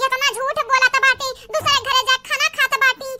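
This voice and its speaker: Speaking a little fast in a level yet sharp tone, a woman with an eastern Uttar Pradesh accent voices bickering, melodramatic village women in a homemade cartoon comedy. Her scolding and exclaiming, run through a pitched-up effect, is heavily acted and sounds indignant.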